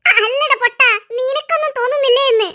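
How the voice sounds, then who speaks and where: A mischievous cartoon boy teases his friend through constant giggles. His voice is extremely high and bright. The tone stays playful and mocking throughout. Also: fast. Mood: teasing. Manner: teasing, giggly. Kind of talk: cartoon voice acting.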